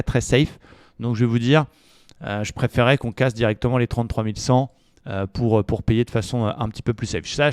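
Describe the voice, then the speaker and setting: A man walking through his trading plan in a relaxed, chatty way, full of fillers and slangy asides. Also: medium pitch, clear, resonant tone, no room sound, studio quality. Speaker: trading educator. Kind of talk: casual market analysis video.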